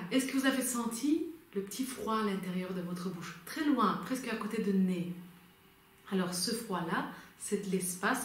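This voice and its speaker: A woman singing teacher guiding a vocal lesson patiently, reassuring and coaching step by step. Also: medium pitch. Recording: very echoey room.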